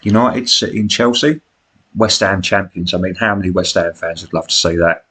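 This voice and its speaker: A British man with a smoker's rasp and cough, giving chatty, blokey, self-deprecating commentary on a football management game as he live streams. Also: low voice, moderate pace, fairly bright tone.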